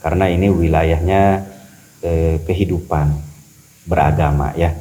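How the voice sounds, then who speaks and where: A man talking as a spiritual teacher on a podcast, animated and preachy, repeating key phrases for emphasis. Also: low-pitched, measured pace, low-quality recording. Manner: acts out quoted voices. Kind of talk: podcast religious talk.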